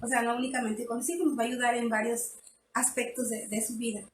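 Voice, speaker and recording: A woman's voice: on the high side, flat delivery, quick pace, echoey room, background noise. A woman leading a live online parenting workshop, explaining step by step with frequent restarts and fillers.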